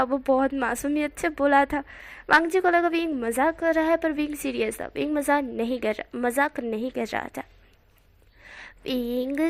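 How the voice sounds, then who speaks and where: A woman telling a fan fiction story in a loose, unscripted way. She corrects herself mid-sentence and keeps moving. Her voice sits high. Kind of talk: casual story narration.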